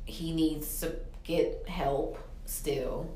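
Woman, low-pitched voice, casual host chat, colloquial and quippy, echoey room. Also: steady tone, very slow, warm tone, slight background noise. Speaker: podcast host. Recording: roomy echo.

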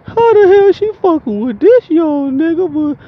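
A man with a Georgia Southern accent voicing a jealous male doctor in a squeaky, indignant tone of disbelief. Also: lively intonation, moderate pace. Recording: dull lo-fi recording.

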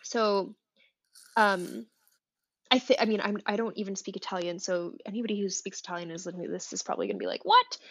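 A woman's voice: mid-range voice, fairly even intonation, quick pace, breathy edge, no room sound. A woman co-hosting a podcast, talking through poetry in a thoughtful, hedging way with many restarts. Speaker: podcast co-host. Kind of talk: casual literary discussion.

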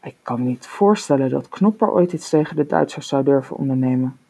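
A woman's voice: very deep voice, lively intonation, brisk, mellow, slightly rough, full character voice, poor audio. A woman reading aloud, voicing a stern middle-aged mayor who speaks hard and curt. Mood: worried.

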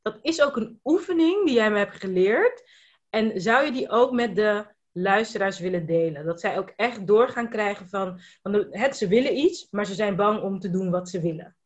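A woman's voice: mid-range voice, animated, moderate pace. A woman hosting a podcast, talking in an affirming, spiritual way while she asks her guest questions. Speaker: podcast host. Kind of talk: casual podcast chat. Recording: dull, slightly lo-fi sound.

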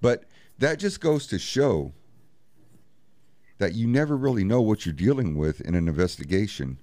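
A man's voice: on the low side, animated, normal speed, warm tone, dry recording. A man, a paranormal investigator, telling a story in an interview and bluntly acting out each exchange with "he goes" and "I said". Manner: blunt, profane, retells scenes with "he goes, I said".

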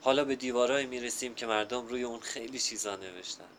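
A man's voice: medium pitch, a bit bright, a little hiss or hum, voice pushed up, lightly acted. A man voicing an anxious, grieving young woman, a daughter, with a pleading, searching voice. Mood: gentle.

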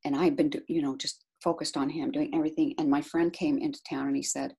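A middle-aged woman talking about being a caregiver, chatty and animated, laughing often as she tells a story. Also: low-pitched, fast talker, gravelly, slightly rough. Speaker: guest, caregiver to her husband. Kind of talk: casual interview storytelling.

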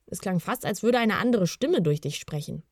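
A woman's voice: medium pitch, lively intonation, normal speed, no echo, clean studio sound, natural voice. A woman voicing a worried, bearded male kobold who talks in an anxious, urging way in a storybook reading. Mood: uneasy.

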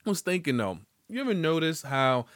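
A man's voice: a little high, very animated, fairly quick, a bit bright, dry recording, clean studio sound. A man hosting his own podcast, rambling loosely with lots of swearing and jokes. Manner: rambling, profane, loose and joking. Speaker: podcast host. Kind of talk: casual solo podcast monologue.

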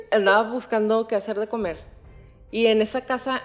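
A young woman with a Mexican accent telling a personal story on a podcast in a casual, animated way, full of slang and swearing. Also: on the high side, normal speed, soft background music. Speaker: podcast host.

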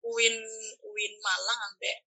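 Brief: young woman, East Javanese accent, very bright tone, animated casual storytelling. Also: mid-range voice, slow pace, creaky, rough recording. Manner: animated, acts out quoted people. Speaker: guest telling her story.

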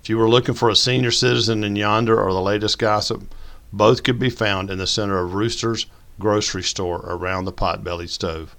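Deep-voiced audiobook narrator. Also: male voice, fairly even intonation, fairly quick, gravelly, fairly bright tone.

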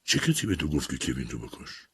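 A man's voice: extremely low pitch, wildly swooping pitch, vocal fry, slight background noise, exaggerated voice. A man voicing a persistent army captain who acts as a defense lawyer, speaking firmly, insistently and patiently.

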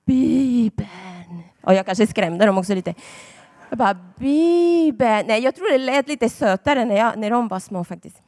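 A woman's voice: mid-range voice, a little mellow. A woman preaching a sermon to a congregation, telling personal stories in a chatty way with dramatic emphasis. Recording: long hall reverb.

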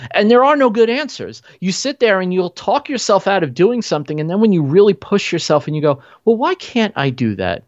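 A man's voice: medium pitch, dry recording, lo-fi sound. A man talking in an earnest, motivational way in a casual podcast conversation, driving points home with repetition. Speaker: podcast guest.

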